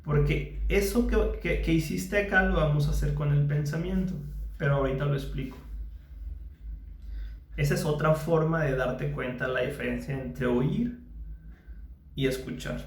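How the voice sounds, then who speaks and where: A man with a fairly high, gravelly voice, recorded in an echoey room. He is a psychologist guiding a mindfulness lesson. He is patient and repeats himself, checking in with the listener all the time. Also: moderate pace, long pauses, slight background noise. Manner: patient, repeats phrases and checks in with frequent questions.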